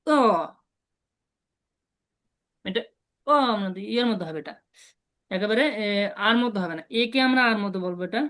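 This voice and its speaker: A woman teaching a beginner Chinese lesson online, slowly drilling sounds for her students to repeat. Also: mid-range voice, fairly bright tone. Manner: patient, slow repetitive drilling of sounds.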